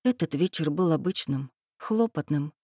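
Low-voiced woman narrating a story. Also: animated, normal speed, warm tone, no echo, clean studio sound. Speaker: audiobook narrator. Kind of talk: first-person scripted narration.

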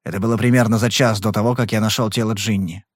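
A man voicing a calm, persistent male private detective in an audiobook, questioning in a blunt, probing way. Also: fairly low pitch, fast, dry recording, clean studio sound, natural voice.

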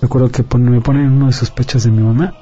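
A man's voice: mid-range voice, fairly even intonation, fast talker, warm tone. A man giving an earnest personal testimony as an interview guest. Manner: earnest, confiding storyteller. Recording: dull lo-fi audio, faint music.

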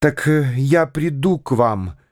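An actor voicing a timid, excitable young man in a radio play. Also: mid-range voice, takes it slowly, no room sound, studio quality. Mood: pleading.

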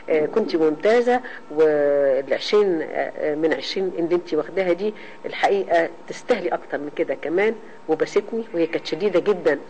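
Quick-talking older Egyptian woman, low register. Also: darkish tone, slight background noise, poor audio. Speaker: interviewee. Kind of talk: reminiscing in conversation.

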